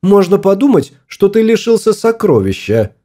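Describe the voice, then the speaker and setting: A sharp-tongued young wife aboard a small spaceship, as a male reader puts her on, her voice lifted high and swinging widely as she scolds. The tone stays soft and mellow underneath, a storybook spouse who snaps back at every word. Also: sing-song, moderate pace. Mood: annoyed.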